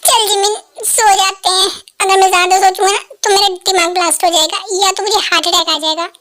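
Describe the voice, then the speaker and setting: A woman's voice: very high voice, fairly even intonation, fairly quick, a bit bright. A woman doing a cheeky teenage son. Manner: cheeky, exaggerated complaints. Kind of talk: Hindi fan dub.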